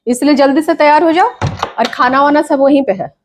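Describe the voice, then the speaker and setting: Woman acting as a nagging mother, comedy sketch, scolding, fairly high voice. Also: background noise, lightly acted. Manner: scolding, nagging, quick complaints. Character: scolding, complaining middle-aged mother.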